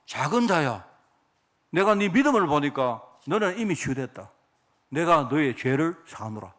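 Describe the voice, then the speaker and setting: Jesus, quoted by a preacher, calm authority, slow measured delivery, raised voice. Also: male voice, a little high. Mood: solemn.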